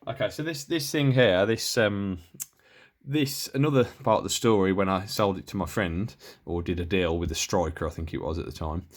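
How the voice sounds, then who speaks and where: Speaking in a low voice at a moderate pace, with slight background noise, a man demonstrates radio gear as a hobbyist reviewer. The demo is informal and unscripted, and he hesitates and rambles while working things out aloud.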